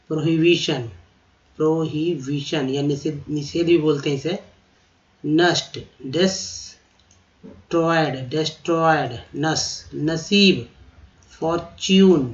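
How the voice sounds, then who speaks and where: A man gives an English vocabulary lesson in a slightly high voice. He spells out and repeats each word at a very slow, deliberate pace. The voice-over sounds dull and lo-fi. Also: a little mellow.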